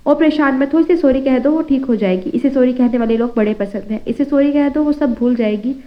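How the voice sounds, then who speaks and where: A woman's voice: sits high, a little fast, close to an everyday voice. Woman reading as a chill reassuring young guy, easygoing, bit muffled. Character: calm cheerful young man. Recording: slightly dull lo-fi audio.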